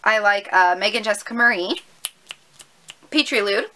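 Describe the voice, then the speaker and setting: A woman's voice: mid-range voice, moderate pace, bright, forceful tone, poor audio. A woman of twenty-one, chatty and upbeat, answering viewer questions in a casual vlog filmed at home on a camera mic. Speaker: YouTuber.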